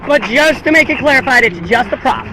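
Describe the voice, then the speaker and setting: An American man protests beside a busy road, shouting the same slogans over and over and chatting with people walking past. His voice is extremely high, animated and bright, forceful, and fairly quick. Traffic rumbles behind him on this noisy street recording.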